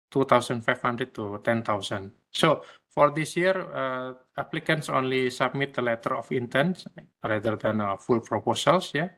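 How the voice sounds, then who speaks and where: The man from Indonesia, not an English speaker, presents hesitantly in an online session, often restarting and using fillers. His voice sits in the mid range and has a slightly bright quality.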